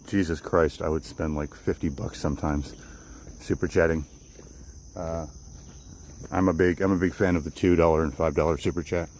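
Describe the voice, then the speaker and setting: Male streamer, deep voice, casual repetitive chat, recorded outdoors with faint cricket-filled background noise. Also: fairly even intonation, moderate pace, pauses often, darkish tone. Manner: rambling, repeats and restarts phrases. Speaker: livestreamer hosting a walk and talk. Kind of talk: casual livestream chat with viewers. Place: outdoors on a walk in the woods. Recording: outdoor noise with insects and nature sounds. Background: crickets, outdoor nature ambience.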